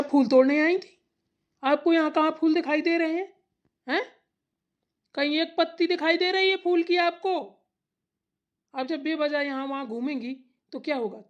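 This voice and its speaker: A woman voicing a grown village son who reasons calmly and teases his mother gently. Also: high-pitched, dull audio, close to an everyday voice. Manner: calm reasoning, gently teasing. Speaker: cartoon character voice. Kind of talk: cartoon voice acting.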